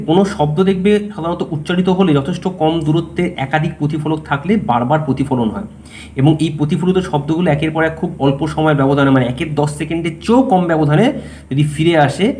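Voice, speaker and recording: A man's voice: fairly high pitch, slight background noise. A man teaching a school physics lesson, explaining step by step. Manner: explains step by step, often saying "dekho" and "thik ache".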